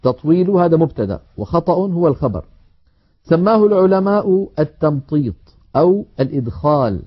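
A man teaching Quran recitation in a televised lesson, explaining in a measured way and chanting example words slowly. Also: on the high side, big pitch swings, husky, highs cut off.

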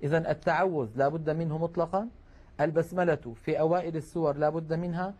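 A man's voice: fairly high pitch, steady tone, fast talker, a little mellow. A man teaching Quran recitation rules in a broadcast lesson, explaining patiently with frequent hesitations.

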